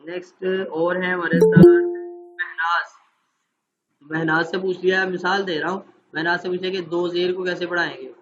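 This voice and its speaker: A man's voice: high-pitched, level tone, highs cut off, music in the background. A man training teachers in an online class, explaining steps patiently and often checking that his listeners follow.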